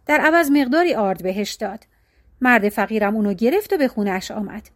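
A woman narrating a folk tale with an expressive storybook cadence. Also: a little high, no echo, studio quality.

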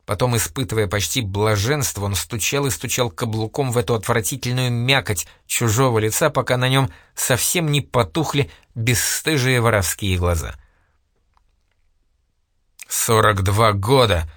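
A man's voice: medium pitch, normal speed, few pauses, fairly bright tone, dry recording, studio quality. Man narrating a dramatic novel. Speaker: audiobook narrator. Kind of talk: expressive literary narration.

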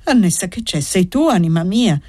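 A woman's voice: fairly low pitch, lively intonation, normal speed, a little mellow, dry recording. A woman reading the part of an old male shepherd who asks anxious, fatherly questions in an audiobook. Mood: alarmed. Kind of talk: audiobook character voice.

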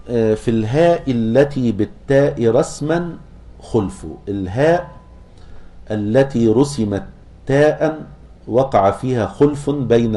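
A man teaching a class on Quran recitation, asking students questions, chanting verses slowly and restarting words as he explains. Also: fairly low pitch, warm tone. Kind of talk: classroom lecture explaining a poem.

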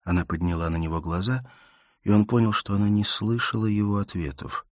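A man reading a novel aloud in measured, scripted storytelling. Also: lowish voice, no room sound, clean studio sound. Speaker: audiobook narrator. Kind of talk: scripted literary narration.

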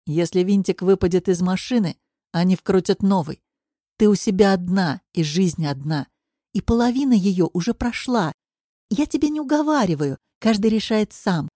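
A woman reading the part of a gentle, coaxing husband turning forty in an audiobook. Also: mid-range voice, animated, moderate pace, dry recording, studio quality, lightly acted.

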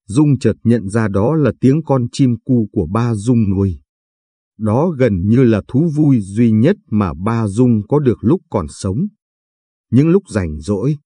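Husky, somber male storyteller. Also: lowish voice, dark tone, no echo, clean studio sound. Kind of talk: scripted story narration.

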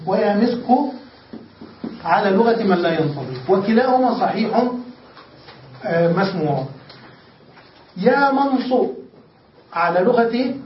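A man, a sheikh, teaching an Arabic grammar lesson, asking his students questions and repeating examples slowly. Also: sits high, a little hiss or hum. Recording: roomy, distant, dull lo-fi recording.

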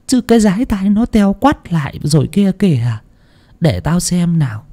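A man as a stooped old village granny in her eighties, soft and blunt, a little raised. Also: high voice, big pitch swings, normal speed, pitched above the performer's own voice. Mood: hushed, matter-of-fact. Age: 80s. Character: very old village woman, toothless, stooped, matter-of-fact.

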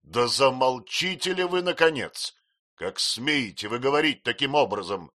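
A man voicing a harsh, overbearing husband who speaks in slow, booming, severe words. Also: animated, a bit bright. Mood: stern.

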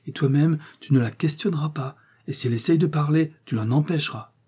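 Male narrator doing shaken young man, low hushed urgent orders, husky mellow voice. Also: fast.

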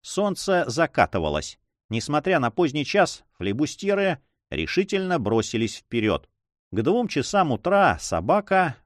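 A man reads an adventure story aloud, and his pitch rises and falls with lively expression. His voice sits in a middle register. The sound is close and dry with no room around it. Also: no room sound. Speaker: narrator. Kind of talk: audiobook narration.

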